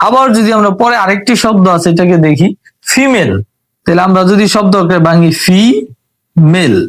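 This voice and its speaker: A Bangladeshi man teaching an English reading class, patiently spelling out letters and repeating sounds step by step. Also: high-pitched. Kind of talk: step-by-step spoken lesson.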